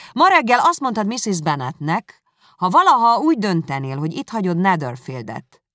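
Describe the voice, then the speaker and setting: A woman reading aloud, voicing a reserved, proud young gentleman who speaks in a cool, measured way. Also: low voice, no room sound, studio quality, full character voice. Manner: cool, measured, dryly critical.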